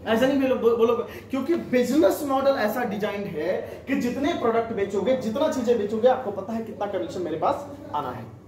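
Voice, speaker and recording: A man's voice: high-pitched, animated, brisk, crowd noise. Sales trainer, man in his twenties, emphatic and questioning, recorded from across an echoey restaurant room. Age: 20s. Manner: emphatic, quizzes the audience with repeated questions. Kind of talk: motivational training talk. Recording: echoey room, mic at a distance.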